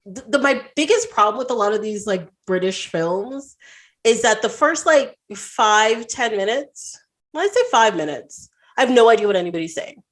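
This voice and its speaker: A woman's voice: a little high, expressive, normal speed. A woman hosting a podcast in casual chat, giggly and chatty with lots of fillers. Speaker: podcast host.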